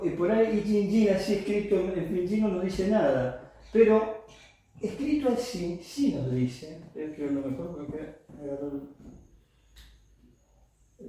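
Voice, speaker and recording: A middle-aged man lectures a class in a mellow, warm voice that sits a bit high for a man. He explains patiently and keeps checking in with his listeners. His voice comes from away from the mic, in a very echoey hall. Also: recorded from a distance. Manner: explains patiently, with many tag questions to the class. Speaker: qigong teacher.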